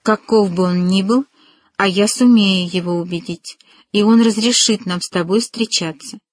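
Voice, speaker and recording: A woman's voice: mid-range voice, normal speed, no room sound, lightly acted. A woman voicing an earnest, ardent young man in an audiobook, speaking tenderly and resolutely.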